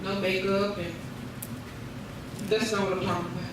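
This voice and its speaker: A woman's voice: mid-range voice, steady tone, moderate pace. A woman preaching a revival sermon in declarative, repeated phrases, punctuated with praise. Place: large indoor room at a church service. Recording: echoey church hall, distant mic, noisy.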